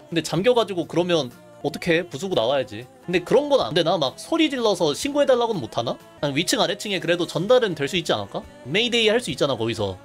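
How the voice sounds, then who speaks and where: A young man casually commenting while streaming a game, chatty and laughing, reading chat aloud. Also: high-pitched.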